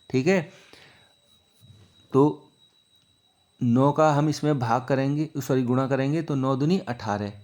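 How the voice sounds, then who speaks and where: Man, maths teacher, patient step-by-step explaining, asks and answers himself, mid-pitched voice. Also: a little mellow. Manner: explains slowly, asks and answers his own questions.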